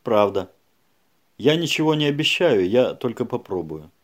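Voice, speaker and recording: A man playing a calm, serious male detective speaking in measured, curt phrases in an audiobook. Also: medium pitch, natural voice.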